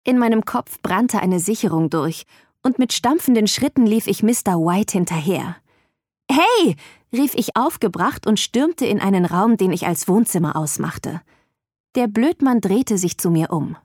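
A woman's voice: mid-range voice, lively intonation, moderate pace, darkish tone, slightly rough, dry recording, clean studio sound. Woman narrating a novel in first person. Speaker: audiobook narrator.

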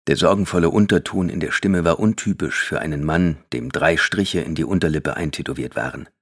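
A man reading a novel aloud as an audiobook narrator, in steady, measured scripted narration. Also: very deep voice.

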